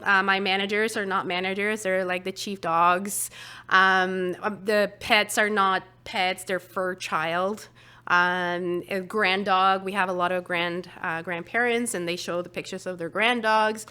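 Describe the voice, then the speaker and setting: Chatty workshop leader, a woman speaking English as a second language; bright, forward voice. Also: medium pitch, clear, resonant tone. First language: not English. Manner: chatty, uses many fillers and "right?". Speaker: workshop facilitator. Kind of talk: casual workshop teaching.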